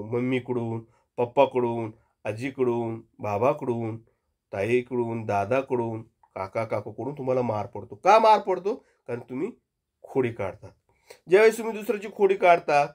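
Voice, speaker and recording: A man, a primary school teacher with a Marathi accent, tells a moral story to young children and asks them questions as he goes. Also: medium pitch. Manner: expressive storyteller asking the class questions.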